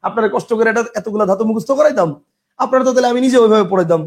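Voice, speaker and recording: Young male teacher, high voice, drills lists by rote and quizzes the room. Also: racing. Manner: drills by chanting lists, asks and answers own questions. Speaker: grammar teacher. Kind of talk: classroom lecture.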